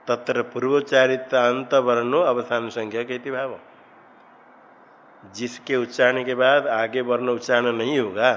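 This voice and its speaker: Slow, deliberate male grammar teacher. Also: mid-range voice, a bit bright, highs cut off. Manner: quizzes the class with repeated questions, then recites rules. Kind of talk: classroom grammar lesson. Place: ashram classroom.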